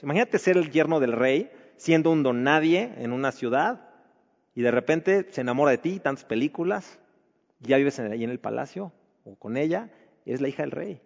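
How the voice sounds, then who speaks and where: Preaching to married men, a man with a slightly high voice and vocal fry poses rhetorical questions in a conversational manner. The sermon was captured in a dull, reverberant hall.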